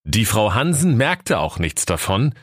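Deep guy telling a funny fairy tale, north german accent, really animated, dry studio. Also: measured pace, dry recording. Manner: lively, playful storytelling. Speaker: storyteller. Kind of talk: comic fairy-tale narration.

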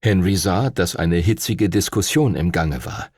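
Husky low-voiced male audiobook narrator. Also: no room sound, studio quality. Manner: calm, measured storytelling. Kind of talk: scripted narration.

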